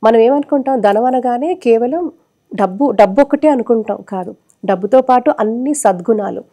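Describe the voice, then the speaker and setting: A woman's voice: fairly high pitch, normal speed, dark tone. A woman speaking earnestly on a live TV devotional show, explaining practices and sharing her own experience.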